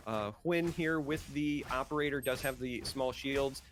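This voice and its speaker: Midwest guy casting a video game match, mid pitch, gets loud on big plays, faint hiss behind. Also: measured pace. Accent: American Midwest. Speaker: esports caster. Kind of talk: play-by-play commentary.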